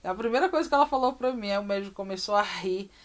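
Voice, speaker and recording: Woman, mother on a personal vlog, emotional and repetitive delivery, lots of pauses, mid-range voice. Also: medium pitch. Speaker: mother recounting her daughter's surgery.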